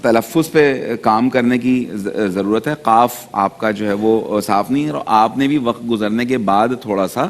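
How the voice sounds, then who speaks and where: Measured, fatherly male judge. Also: mid-range voice, big-room sound. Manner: measured, fatherly, hesitant fillers. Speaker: competition judge. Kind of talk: giving feedback to child contestants.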